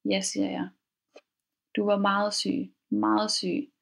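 A woman podcast host retelling a first-person account in a calm, measured way. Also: medium pitch, vocal fry. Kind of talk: storytelling podcast reading.

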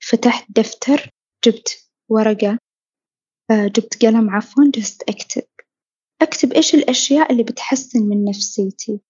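Woman telling her story, husky and kinda high, dull lo-fi recording. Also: no room sound. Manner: reflective, earnest, dropping to soft near-whispers. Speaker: podcast guest sharing her story. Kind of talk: personal storytelling.

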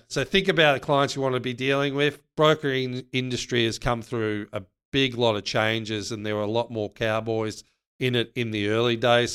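A man's voice: fairly low pitch, fairly bright tone, smooth. A man co-hosting a business podcast, giving earnest advice in casual chat.

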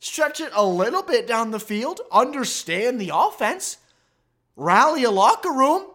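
A man's voice: extremely high pitch, sing-song, a little slow, pushed and bright. A man hosting a sports podcast, ranting emphatically and with exasperation about his team's loss. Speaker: podcast host. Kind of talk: fan sports commentary podcast.

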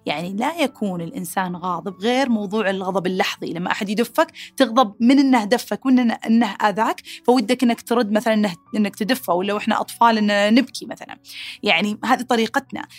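A woman's voice: medium pitch, no room sound, soft background music. A woman hosting a podcast and explaining psychology in a casual way, acting out the quotes she gives. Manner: fast, animated, acts out angry quotes.

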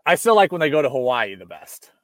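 A man's voice: mid-range voice, big pitch swings, fast, fairly bright tone, no echo. Curious radio host man, dry close sound. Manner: curious, asks playful questions. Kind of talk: casual radio interview chat.

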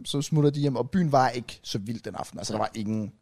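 A young man casually retelling a long night out on a podcast, rambling and animated with many restarts. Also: medium pitch, dry recording, studio quality. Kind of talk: casual storytelling chat.

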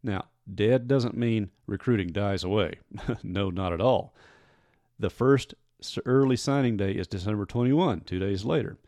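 A man's voice: lowish voice, measured pace, mellow, dry recording. A man hosting a solo sports podcast in a wry, conversational way, with self-mocking asides. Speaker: sports beat reporter and podcast host.

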